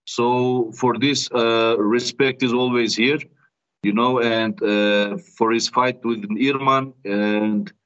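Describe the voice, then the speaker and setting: A man who is not a native speaker, talking haltingly as a fighter in a casual interview. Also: mid-range voice, steady tone, fairly bright tone. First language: not English. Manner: halting, repeats tags like "you know". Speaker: MMA fighter being interviewed. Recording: dull, muffled audio.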